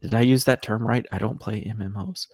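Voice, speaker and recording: A man's voice: on the low side, steady tone, a little fast, crowd noise. A man playing a tabletop game, wry and self-deprecating, making small jokes about his own rolls. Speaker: player. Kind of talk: casual tabletop play.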